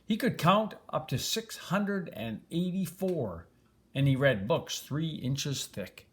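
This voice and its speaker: An older man reading a children's storybook aloud in an expressive, grandfatherly way, stressing and stretching words. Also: a little high, takes it slowly.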